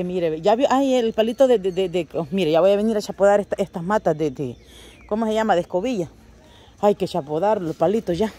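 Her voice is mid-range and mellow as this older woman talks casually to her viewers outdoors in her rural yard and garden. The vlogger's chat is homely and rambling, sprinkled with pet names and pauses to hunt for words.

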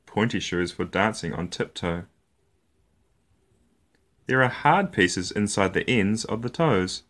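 Playful, deliberate phrasing marks this fairly low-pitched man's reading of a picture book for young children, which he delivers in an expressive storytelling style.

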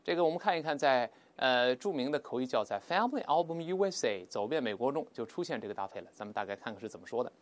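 A man teaching an English vocabulary lesson, explaining patiently and drawing out example words slowly for students to repeat. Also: medium pitch. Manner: lively, drawls English words slowly for repetition; explains patiently with filler particles.

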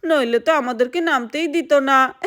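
A woman telling a lively doll play story and voicing all the dolls. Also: sits high, moderate pace. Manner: lively, plays every doll's voice.

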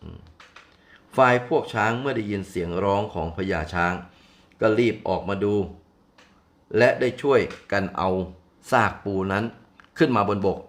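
A man's voice: lowish voice, a bit bright. An older man telling a folk tale, folksy and digressive, stopping often to explain things in his own words. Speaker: storyteller. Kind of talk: folk tale narration with asides.

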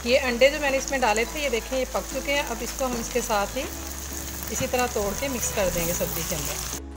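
High-voiced woman narrating a recipe. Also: fairly quick. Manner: calm, instructive, walks through each step. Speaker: cooking channel host. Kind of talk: step-by-step cooking voice-over. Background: background music and sizzling pan.

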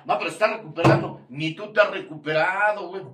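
Older man, Mexican accent, recovery group speaker, crude, confrontational, mocking, slightly high voice, distant mic, echoey hall. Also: quick pace. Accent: Mexican Spanish. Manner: laughs at his own jabs. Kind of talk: profane testimony to a support group. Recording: echoey room, mic far off, faint noise.

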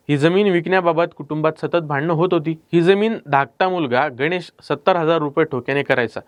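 A man's voice: a little high, clean tone, no echo. A young man with a Marathi accent narrating a crime news report as presenter, with a dramatic storytelling delivery and rhetorical questions. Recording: clean dry studio voice-over.

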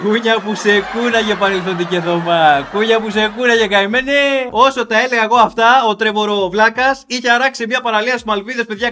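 A man's voice: high-pitched, a bit bright. A man hosting a comedic film review, talking in a sarcastic, mock-dramatic way.

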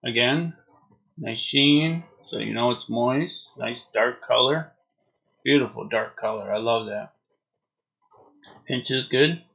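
Slow-talking, laid-back man, dull sound. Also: mid-range voice, gravelly. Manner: laid-back, hesitant, trailing phrases. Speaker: product reviewer. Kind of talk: casual unscripted video review. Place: small home room, indoors.

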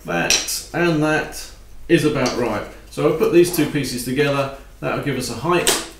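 A man giving a calm, practical woodworking tutorial while he works at a bench in his home workshop. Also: mid-range voice, measured pace, echoey room, background noise. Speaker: woodworking instructor.

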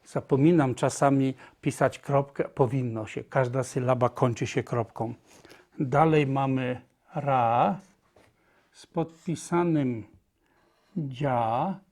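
A man's voice: mid-range voice, slow, a little mellow. A man teaching a language lesson, patiently explaining and repeating each point step by step.

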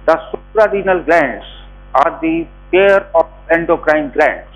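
A man's voice: a little high, animated, unhurried, lo-fi sound. A man with a North Indian accent teaching a class as a lecturer, giving step-by-step instructions in short phrases. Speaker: anatomy lecturer. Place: indoor lecture theatre.

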